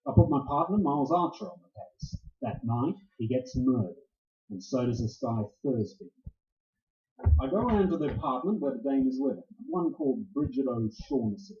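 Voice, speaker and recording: A man acts a hard-boiled private eye who narrates and banters in a 1940s-style radio play. His delivery is dry and sardonic, and his pitch swings widely over a mellow tone. The recording sounds roomy and slightly dull. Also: lively intonation, normal speed, natural voice. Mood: wry narration. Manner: dry, sardonic, clipped tough-guy talk. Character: hard-boiled, wisecracking male private detective.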